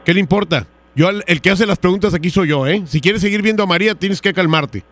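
A man's voice: high voice, quick pace, a bit bright. A man hosting a radio show, pressing a caller for answers in a confrontational prank call. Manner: confrontational, interrogating and demanding answers.

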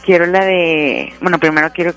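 Bright-voiced chatty male caller. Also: on the high side, fairly quick, faint music behind.

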